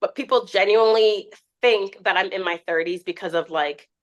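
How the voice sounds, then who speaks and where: A TikTok creator in her twenties, appearing as a podcast guest, talks candidly in a casual interview, animatedly acting out quotes while telling stories. Her voice is mid-range at a normal speed, and the sound is lo-fi.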